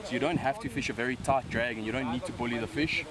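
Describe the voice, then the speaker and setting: Presenting a fishing video, this young South African man, his accent broad, gives relaxed commentary and advice beside a river. He speaks quickly in a mid-range voice, with crowd noise and other background sound picked up by the outdoor camera.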